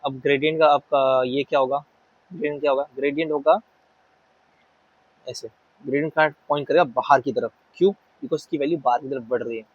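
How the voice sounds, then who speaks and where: A young man explains math to students in a loose, chatty way, circling back over the same words. His voice is a little husky. The recording sounds dull and lo-fi, as if captured on a basic desktop mic at home. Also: medium pitch, fairly even intonation, brisk, no room sound. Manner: explains informally, repeats words, mixes English terms. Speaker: math tutor. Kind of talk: casual Hindi-English lecture. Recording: muffled lo-fi recording.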